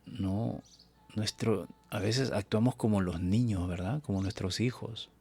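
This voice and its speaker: A man's voice: on the low side, a little slow, gravelly, dark tone, slightly rough. A man preaching a Bible study sermon on a live stream, earnest and exhortative, often addressing his listeners as brothers.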